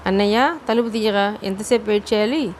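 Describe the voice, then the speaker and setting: A woman's voice: mid-range voice, a little fast, slight background noise, natural voice. A woman reading the part of a playful young sister who teases her brother. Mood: impatient. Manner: teasing, giggly.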